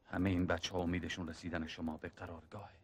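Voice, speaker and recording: An actor playing a seasoned male soldier who calmly mentors a younger comrade and recounts the war. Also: low-pitched, breathy edge. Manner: calm, measured storytelling. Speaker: older soldier in war film.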